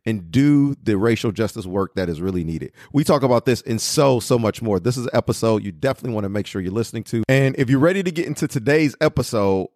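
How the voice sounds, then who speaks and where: A man hosting a podcast, talking in a lively, slangy, conversational way as he interviews a guest. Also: mid-range voice, fast talker, few pauses. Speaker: podcast host. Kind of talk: casual interview.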